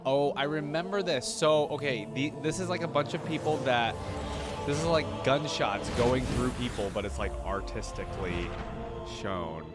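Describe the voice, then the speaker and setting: A medium-pitched man speaking at a moderate pace hosts a reaction video, offering casual, enthusiastic commentary and thinking aloud as he watches. Loud orchestral music from a game trailer and its theme plays behind his voice.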